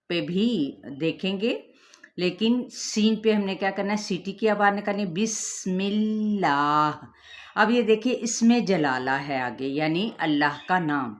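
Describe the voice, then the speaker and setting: A woman teaching a Quran recitation lesson, explaining patiently and slowly demonstrating each sound. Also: on the low side. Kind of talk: tajweed lesson.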